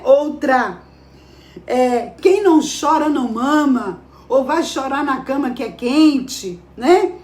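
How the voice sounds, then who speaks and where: High-voiced woman preaching in an echoey room. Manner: emphatic, rhetorical questions to listeners. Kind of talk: devotional preaching.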